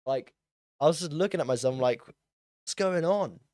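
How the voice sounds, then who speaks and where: A man's voice: a little high, animated, moderate pace, darkish tone, dry recording, studio quality. A young man in his late teens hosting a solo podcast, rambling in a casual, self-deprecating way with lots of ums and likes. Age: young adult, turning twenty. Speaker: podcast host.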